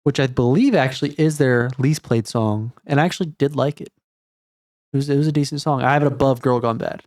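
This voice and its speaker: A man's voice: mid-range voice, fairly quick, a little mellow. Laid-back man rambling about music. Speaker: podcast co-host. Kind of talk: casual music review chat.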